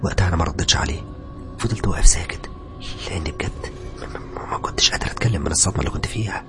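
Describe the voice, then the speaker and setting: A man's voice: low voice, in a whisper, music in the background. A man with an Egyptian accent narrating a horror story in a dramatic way. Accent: Egyptian Arabic. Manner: rapid, dramatic telling.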